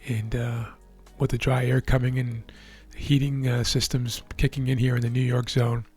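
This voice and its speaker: Husky and hoarse as if worn down from talking, a trading educator is losing his voice as he gives live market commentary over a chart screen. He's relaxed and explanatory, often asking "right?", speaking at normal speed and a middling pitch. Faint music plays behind him.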